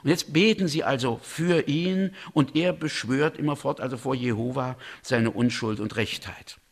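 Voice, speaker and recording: A man giving a thoughtful, explanatory talk on a religious drama, lifting his voice when he quotes. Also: normal speed. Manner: thoughtful, explanatory, voices quotations with raised pitch.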